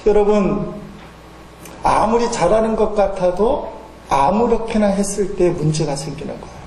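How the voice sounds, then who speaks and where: A male pastor tells folksy anecdotes in a sermon, sprinkling in fillers and acting out the voices of the people in his stories. His voice sits high for a man. It rings through a reverberant church hall over faint room noise. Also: lively intonation, moderate pace, a little mellow. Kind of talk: sermon with storytelling. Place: church sanctuary.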